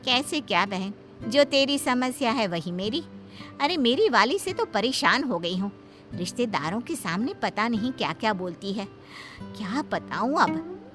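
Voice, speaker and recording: A woman voicing a gossipy, lamenting middle-aged mother-in-law in an animated story. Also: fairly high pitch, measured pace, music in the background.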